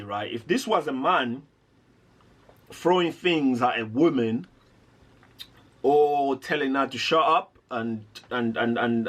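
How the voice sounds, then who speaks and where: A man's voice: mid-range voice, a bit bright. A man hosting a reaction video, giving indignant, rambling commentary with lots of restarts.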